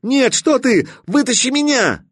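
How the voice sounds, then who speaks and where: A terrified young male stalker cries and begs in a husky, high-strung voice, as a man acts him out. The recording is dry and close. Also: takes it slowly, no echo, full character voice. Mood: desperate pleading. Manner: desperate pleading cries.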